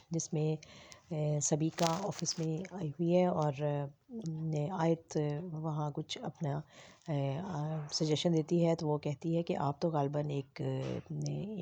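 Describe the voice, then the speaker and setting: Low, mellow-voiced woman retelling a drama. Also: vocal fry, husky. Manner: hesitant, many filler sounds, unhurried. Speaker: drama review presenter. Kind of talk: casual retelling of a TV episode.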